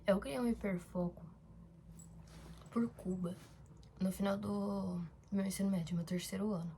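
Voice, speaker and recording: In her diary-style vlog, a young woman from Brazil talks casually and meanderingly, leaning on fillers and fixing her own words. She has a medium-pitched, dark-toned voice with fairly even intonation, speaks a little slowly, and there's a touch of hiss or hum.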